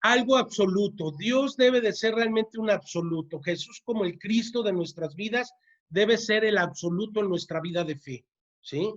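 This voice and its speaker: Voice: mid-range voice, moderate pace, muffled recording. A church teacher leading a parenting class, who often checks in with the listeners and repeats key words to drive them home. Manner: keeps asking the audience "¿sí?", repeats key words.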